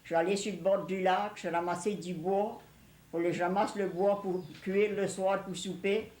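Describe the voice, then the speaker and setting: A woman's voice: medium pitch, steady tone, normal speed, darkish tone. An older woman from Louisiana with a Cajun French accent, reminiscing casually in plain rural speech mixed with English words. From Louisiana, USA. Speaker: interviewee recalling family life. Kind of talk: casual oral-history reminiscence. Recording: echoey room recording.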